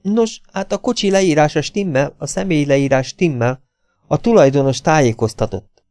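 Man doing a hurried private detective. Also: a little high, darkish tone, no echo, clean studio sound, close to an everyday voice. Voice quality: quick, matter-of-fact. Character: hurried, blunt male private detective on the phone.

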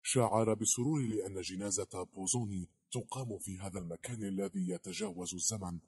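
A man reading a novel aloud as a narrator, in a steady, even delivery. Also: deep voice, fairly quick, husky. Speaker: audiobook narrator.

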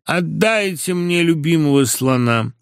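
A hysterical middle-aged bookkeeper, as a man puts him on, shrieks his claims in a high, strained voice. His pitch leaps around wildly, with gravelly edges, recorded in a dry, close room. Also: expressive, measured pace, no room sound. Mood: pompous. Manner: shrill, defiant shouting.

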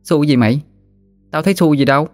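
A man voicing a bold ten-year-old village girl, high and chatty. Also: brisk, no echo, faint music behind, lightly acted. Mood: curious.

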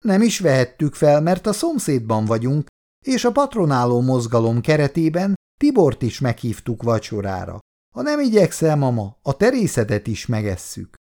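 A man's voice: medium pitch, big pitch swings, dark tone. A man playing a hearty, bossy old father. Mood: impatient. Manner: hearty, commanding.

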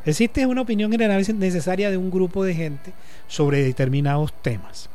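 A man's voice: high voice, darkish tone, soft background music. Caribbean-Colombian man explaining at length. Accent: Colombian Caribbean coast. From Colombian Caribbean coast. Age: 50s. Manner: reflective, speaks in long explanations with pauses and fillers. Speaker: guest, journalist and lecturer. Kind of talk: casual radio interview talk.

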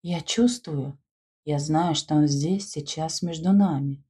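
A woman's voice: low-pitched, slow pace, mellow, slightly rough, full character voice. A woman voicing a fervent, commanding schoolgirl who leads a séance and addresses the spirit. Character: exalted schoolgirl leading a séance.

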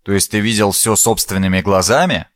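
A man voicing a polite, shrewd detective who questions calmly and courteously, in an audiobook. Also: fairly low pitch, brisk, no room sound, natural voice. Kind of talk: audiobook character voice.

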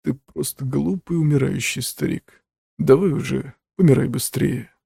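A man's voice: mid-range voice, moderate pace, vocal fry, warm tone, husky, dry recording, studio quality. A man voicing a frightened undertaker who pleads and whispers. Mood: dismissive. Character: frightened middle-aged male undertaker.

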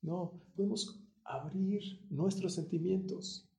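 A man's voice: sits high, takes it slowly, gravelly, a little mellow, reverberant. A middle-aged man with a central Mexican accent preaching a sermon, talking conversationally and acting out quoted prayers and dialogue. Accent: central Mexican Spanish.

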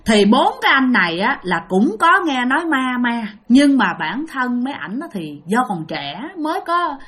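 Chatting her way through a ghost story, this woman addresses her listeners head-on. Her fairly high voice swings widely in pitch, moves at normal speed and sounds a little bright.

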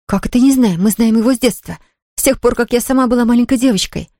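A woman's voice: on the high side, fast talker, a little mellow, no echo, clean studio sound, pitched above the performer's own voice, natural voice. A woman voicing a distraught young woman who pleads in a trembling voice, near tears. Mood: pleading.

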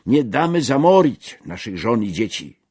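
A man voicing a fiery male revolutionary agitator rousing a workers' meeting with declamatory speech and shouted slogans. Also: medium pitch, big pitch swings, moderate pace, breathy edge, dry recording, clean studio sound, voice pushed up.

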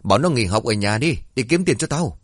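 A crude, violent drunk of a father, voiced by a man who barks orders and spits curses. His voice swings wildly as he rants, quick and forceful. The sound is dry and close. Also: mid-range voice, lively intonation, breathy edge, dry recording. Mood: drunk angry. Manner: shouting, cursing, demanding.

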